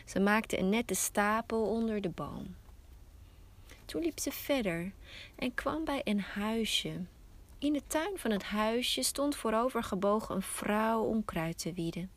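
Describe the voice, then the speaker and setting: A woman hosting a podcast, telling a fairy tale slowly and softly, often close to a whisper. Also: on the high side, lively intonation. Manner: slow, soft storytelling, often near a whisper. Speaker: podcast host and storyteller.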